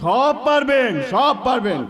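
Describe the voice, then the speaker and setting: A man's voice: very high voice, lively intonation, unhurried, a crowd in the background. A man playing a cheeky brother-in-law who keeps reassuring, in a folk stage comedy. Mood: coaxing. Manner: chirpy and coaxing. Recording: live stage recording with audience.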